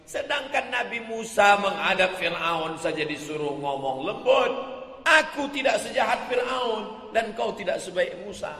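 A preacher voicing a clever caliph's calm rebuke. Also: male voice, high voice, measured pace, reverberant, big-room sound, voice pushed up, full character voice. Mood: gently reproachful. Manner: reasoned, rhetorical reproach.

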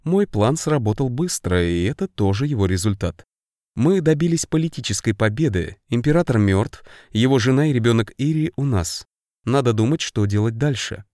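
A shrewd, bossy female dwarf schemer, played by a male narrator in a storybook reading, speaking in a raised, animated voice. She talks in a brisk, matter-of-fact way, and the recording is close and dry. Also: mid-range voice, dry recording, close to an everyday voice. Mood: businesslike.

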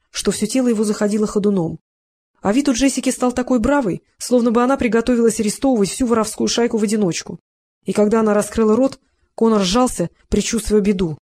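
Audiobook narrator reading a crime romance, steady mid-pitched voice.

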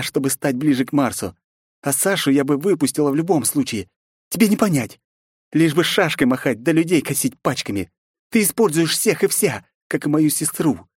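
A man's voice: a little high, slightly rough, no room sound, clean studio sound, pitched above the performer's own voice. A man voicing a fierce young warrior princess who speaks coldly and spitefully, in an audiobook. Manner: cold, spiteful. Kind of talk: audiobook character voice.

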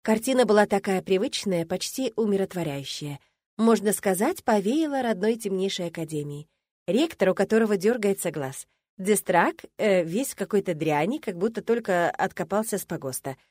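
A woman's voice: mid-range voice, animated, normal speed, a little mellow, no echo, clean studio sound. A woman narrating a first-person fantasy audiobook in a wry, ironic way.

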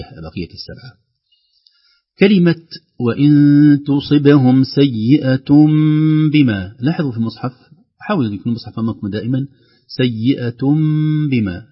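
A man teaching Quran recitation on a radio lesson, explaining calmly and slowly chanting verse examples. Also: on the low side, slightly rough, highs cut off.

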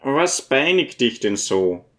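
A man voicing a gentle old priest who speaks in a mild, coaxing, earnest way. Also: mid-range voice, very animated, slow pace. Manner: soothing, earnest, coaxing questions.

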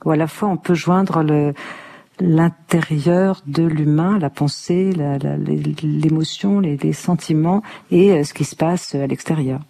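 Radio interview guest, mellow, warm, enthusiastic, searching for words, studio. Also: mid-range voice, a little slow, creaky, slight background noise. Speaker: guest speaker on literature.

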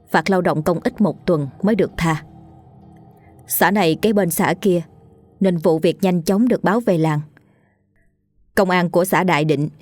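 Woman, storyteller, ghost story narration, colloquial, low voice, faint music behind. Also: a little mellow. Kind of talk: scripted horror story reading.

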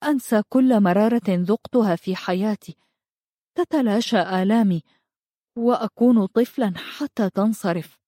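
An earnest, tender young man in a storybook, read by a woman in her own voice. The tone is mellow and warm, the sound close and dry. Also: mid-range voice, moderate pace, no echo, close to an everyday voice.

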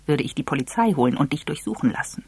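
A sly, good-humoured elderly gentleman who enjoys teasing, voiced by a storyteller. He speaks in a dry, easy tone with a slight breathiness. The sound is close and free of room echo. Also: medium pitch, expressive, fast talker, husky. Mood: genial.

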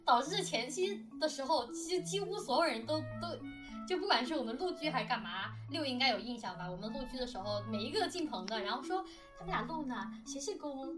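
In a high-pitched, expressive voice at a slightly fast clip, a woman who directs radio dramas and hosts discussions talks animatedly about producing audio drama. She's casual, a little rambling and self-deprecating, heard on a slightly distant mic with background music.

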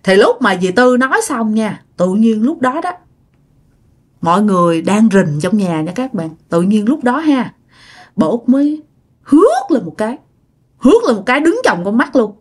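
A woman tells a ghost story in a casual, chatty manner, speaking directly to her listeners. Her voice is fairly high and expressive, with a breathy edge, at normal speed.

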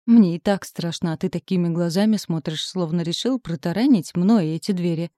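A fretful husband in labor, frugal and scared, from an audiobook, as a woman reads him. His anxious outbursts come out shrill and raised. The sound is dry and close. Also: normal speed, dark tone, no room sound, natural voice. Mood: panicked.

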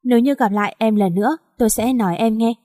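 A woman's voice: a little high, fast, mellow, no echo, clean studio sound, lightly acted. Woman doing a blunt teasing young man. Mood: brusque. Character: rude but caring young male rescuer.

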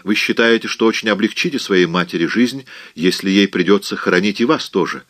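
Storybook: man voicing calm, firm young woman giving orders. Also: lowish voice, fairly quick, no room sound. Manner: firm, commanding. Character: gentle but firm young woman taking charge.

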